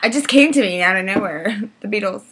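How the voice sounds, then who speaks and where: Giggly bright-voiced young woman. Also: medium pitch, animated, a little fast, slightly rough. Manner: giggly, bursts into laughter. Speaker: book vlogger co-host. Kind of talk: casual chat answering a tag.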